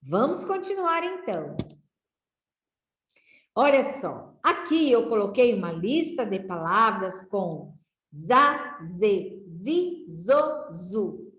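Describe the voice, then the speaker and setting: A Brazilian woman teacher giving a children's literacy lesson, reading aloud slowly in a sing-song way with rising exclamations. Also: mid-range voice, sing-song, a bit bright, roomy sound. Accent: Brazilian Portuguese.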